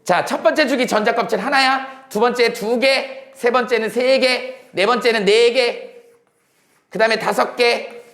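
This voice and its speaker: A man teaching high school science in a casual lecture style, asking his students questions and answering them himself. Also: unhurried, fairly bright tone, roomy sound. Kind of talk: classroom lecture.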